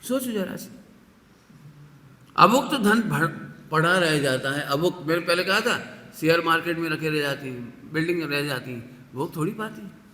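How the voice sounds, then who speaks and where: A man delivers a sermon with animated storytelling, often pausing to ask his listeners rhetorical questions. His voice sits high and sounds bright and forceful. The recording carries the long, ringing reverb of a large hall. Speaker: Jain religious teacher.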